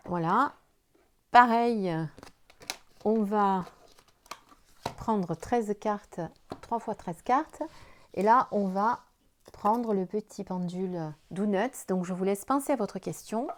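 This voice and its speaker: A woman's voice: medium pitch, slow pace, long pauses, a little hiss or hum. Tired French-speaking woman reading tarot cards. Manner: gentle, reassuring, stumbles over words. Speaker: tarot card reader. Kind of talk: casual tarot reading to camera.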